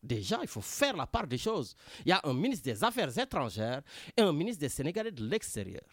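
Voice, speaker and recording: Senegalese guy hosting a radio talk show, lively up and down voice, slightly high, dry close mic. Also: fairly quick, no room sound. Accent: Senegalese French. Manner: animated, repeats himself, addresses Richard often. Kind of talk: casual talk show commentary. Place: Marseille.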